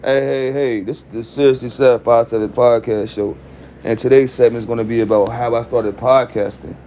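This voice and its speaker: A man's voice: medium pitch, steady tone, brisk, dark tone, slight background noise. A man hosting his own podcast in loose, rambling, profane casual talk, sounding frustrated. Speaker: podcast host.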